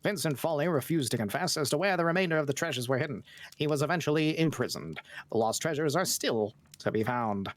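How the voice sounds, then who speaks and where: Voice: medium pitch, expressive, no room sound, lightly acted. A streamer putting on an old-fashioned newsreader voice for a formal report. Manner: slow, formal announcer delivery. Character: old-timey newsreader reading a theft report.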